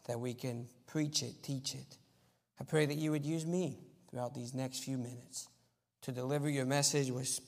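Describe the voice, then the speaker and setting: With a mid-range, darkish voice touched by vocal fry, a man who grew up in Argentina as a missionary kid preaches as a visiting missionary. His sermon, casual and plain-spoken with anecdotes and prayer, is delivered to a congregation at a live Sunday service in a church sanctuary, where long reverb echoes through the hall.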